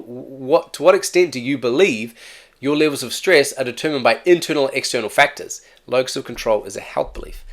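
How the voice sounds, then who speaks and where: A man with an accent giving a casual, chatty exam-prep lesson, often correcting himself and asking "right?". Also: mid-range voice. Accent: non-native or regional English accent. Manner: chatty, self-correcting, with frequent "right?" asides. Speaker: teacher.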